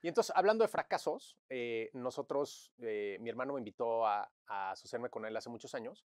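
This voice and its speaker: A man, a guest in an interview, telling stories in a lively way and acting out what others said to him. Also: medium pitch, moderate pace, smooth, no echo, studio quality. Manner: animated storyteller, acts out quotes. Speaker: interview guest, crisis management consultant. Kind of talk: conversational interview.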